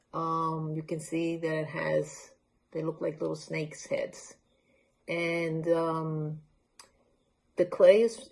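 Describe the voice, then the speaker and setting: A woman's voice: low voice, vocal fry, darkish tone. A woman from Honduras, presenting handmade crafts in a casual, unscripted show-and-tell talk and holding pieces up to the camera. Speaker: library art talk presenter.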